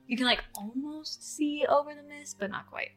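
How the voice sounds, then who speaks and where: A woman's voice: sits high, moderate pace, soft background music. A woman narrating a tabletop game as game master, casual and full of "like" fillers. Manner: casual, laughing, many "like" fillers.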